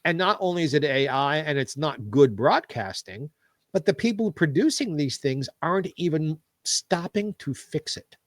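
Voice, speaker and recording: Lively, opinionated man on a podcast. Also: fairly high pitch, normal speed, no echo, clean studio sound. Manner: animated, opinionated storyteller. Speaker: podcast guest, show business historian. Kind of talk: casual interview chat.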